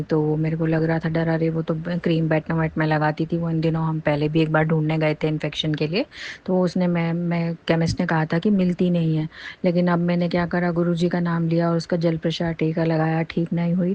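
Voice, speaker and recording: A woman's voice: deep voice, mellow. A middle-aged woman giving an earnest, rambling devotional testimony. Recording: dull lo-fi recording.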